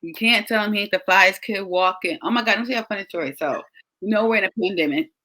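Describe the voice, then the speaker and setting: A woman in her thirties hosting a casual chat, telling stories in an animated way and laughing often. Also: medium pitch, fast. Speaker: host.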